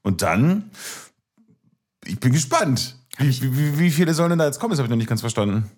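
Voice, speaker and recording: A man's voice: medium pitch, big pitch swings, fairly quick, darkish tone. A man hosting a podcast, joking and bantering in casual chat. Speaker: podcast host.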